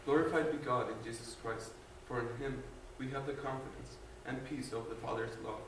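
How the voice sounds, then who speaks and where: A young adult man from Guatemala, a student, shares a personal faith testimony before an audience in a large room, earnest and hesitant with many fillers and restarts. His medium-pitched voice is steady in tone and fairly quick. No mic is used; a distant recorder captures echoey sound from far off, with a little hiss or hum.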